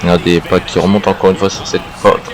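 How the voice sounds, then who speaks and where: A man working as a wrestling co-commentator, adding measured remarks on the action. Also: sits low, level tone, soft background music.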